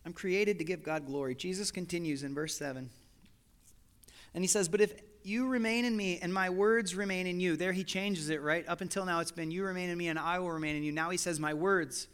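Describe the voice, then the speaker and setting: Bright, high-voiced animated male pastor. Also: fairly quick, clean tone. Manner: animated storytelling, quotes his son and God in lively asides. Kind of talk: sermon.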